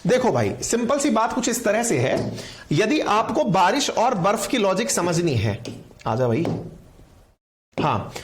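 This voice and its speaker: A male teacher talks in a lively, animated way, with his pitch rising and falling widely. He keeps asking his viewers questions and calls them companions. The roomy echo makes him sound like he is in a large room. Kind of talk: classroom lecture to online viewers.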